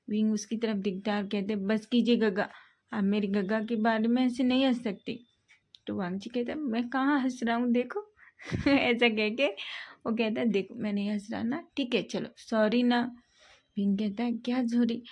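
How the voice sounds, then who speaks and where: A woman's voice: fairly high pitch, darkish tone. A woman casually narrating a fan-fiction love story, reading every character's lines in her own voice.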